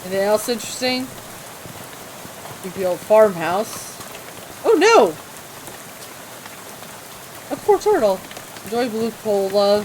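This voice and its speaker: Jokey gamer reading game text out loud, pitch jumping around, rain in the background. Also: slow, pauses often, poor audio. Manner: animated, jokey, reads dialogue aloud. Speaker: let's-play gamer. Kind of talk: let's-play commentary and dialogue reading. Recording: rain noise behind.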